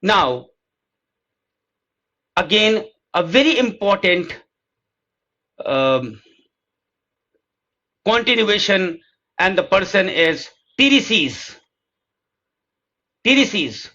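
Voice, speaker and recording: Male lecturer; high-pitched, unhurried, asks the class questions and answers them; muffled recording. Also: sing-song, bright, forceful tone. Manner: slow, deliberate English lines and rapid Hindi explanations. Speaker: literature teacher. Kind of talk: lecture mixing Hindi and English. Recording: dull lo-fi recording.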